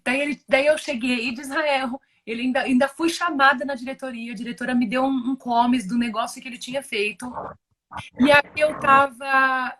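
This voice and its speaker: A high, somewhat bright female voice carries this Brazilian guest's earnest personal testimony of faith. Emotional and conversational, with a Brazilian Portuguese accent, she keeps restarting and repeating words.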